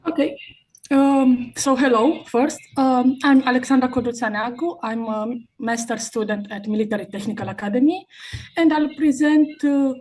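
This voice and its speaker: A woman's voice: high-pitched, fairly even intonation, normal speed, darkish tone, poor audio. A young woman, a master's student, giving a conference presentation over a video call, hesitant and full of uh fillers and restarts. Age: young adult. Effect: remote speaker on a video call.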